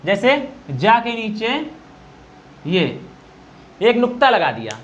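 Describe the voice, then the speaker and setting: A teacher giving a Hindi grammar lesson for exam preparation, explaining slowly and answering his own questions. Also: mid-range voice, sing-song, muffled recording, a little hiss or hum.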